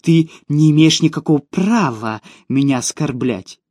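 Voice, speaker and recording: A man's voice: on the high side, expressive, a little slow, darkish tone, husky, no echo, studio quality. A man doing a whiny, hypocritical official. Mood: frightened. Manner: whiny, indignant. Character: hypocritical, cowardly male official, easily rattled. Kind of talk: audiobook character voice.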